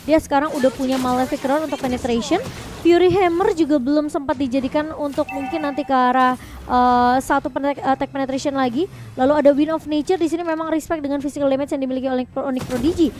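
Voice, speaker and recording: A woman giving live play-by-play commentary on a mobile game match as an esports shoutcaster. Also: high voice, steady tone, quick pace.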